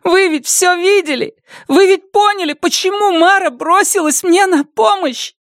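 An audiobook narrator voicing a teenage girl who is tearful and pleading, then icily defiant, in a high, strained voice. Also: a little slow, fairly bright tone, no room sound, clean studio sound, exaggerated voice. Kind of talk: audiobook reading.

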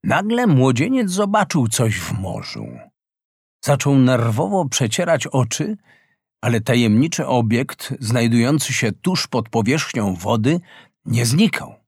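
A man reading a fairy tale aloud as a slow, expressive storyteller in a close, dry recording. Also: mid-range voice, breathy edge, no room sound. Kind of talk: scripted fairy-tale narration.

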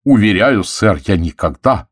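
A man's voice: fairly low pitch, animated, slightly rough, dry recording, studio quality, pitched above the performer's own voice. A man voicing a nervous, servile middle-aged butler who pleads and stammers, in an audiobook. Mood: pleading. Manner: pleading, stammering, slow and anxious. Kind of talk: audiobook character voice.

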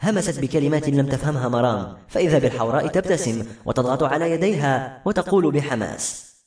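A male narrator reads a novel aloud in a quick, expressive manner. His voice sits at a middle pitch, and the room gives the recording a clear echo. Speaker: audiobook narrator. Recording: echoey room.

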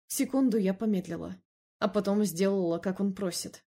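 An audiobook narrator reads a first-person novel in an even, measured tone. Her voice is mellow and slightly husky, with a middle pitch.

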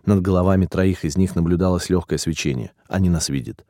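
A man reading a first-person audiobook narration in a steady, even way. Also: low-pitched, fairly quick, no room sound, studio quality.

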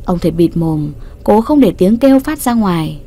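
A woman reading a romance novel aloud as an audiobook narrator, in a calm, even storytelling voice. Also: on the low side, moderate pace. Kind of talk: scripted narration.

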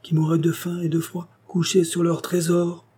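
A discreet older country doctor who speaks in a hushed, confiding way, as a man reads him. The voice is raised in pitch but kept low in volume, with a husky tone. It is read as part of a classic novel audiobook. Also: lively intonation, brisk.

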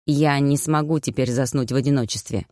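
A woman voicing a calm, gently teasing male werewolf lover in an audiobook. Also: a bass voice, a little fast, no echo, clean studio sound.

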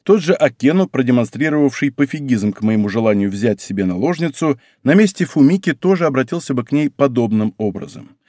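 Lively male audiobook narrator. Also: mid-range voice, a little fast, dry recording, clean studio sound. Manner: expressive, conversational storytelling. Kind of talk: first-person audiobook narration.

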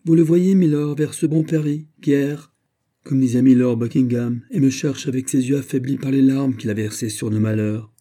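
A man's voice: medium pitch, steady tone, moderate pace, mellow, voice pushed up, lightly acted. A man reading an audiobook voices a capricious, coquettish young royal princess, speaking in a raised, imperious and peevish way.

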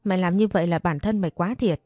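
A blunt, pushy young woman who talks coarsely to her best friend, as a woman narrator puts her on. The voice is low and mellow, and the recording is dry with faint music behind. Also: fast talker, no echo, lightly acted.

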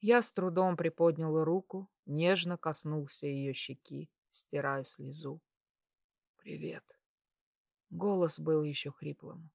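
A woman reading a first-person story aloud in a calm, measured way. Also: low-pitched, gravelly, no room sound, clean studio sound. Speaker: audiobook narrator. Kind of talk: scripted first-person narration.

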